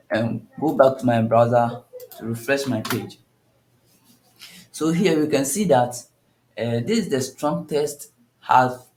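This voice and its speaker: A man's voice: medium pitch, a little mellow. A man teaching a coding tutorial step by step, thinking aloud and often restarting his sentences. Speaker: coding instructor. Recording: echoey room.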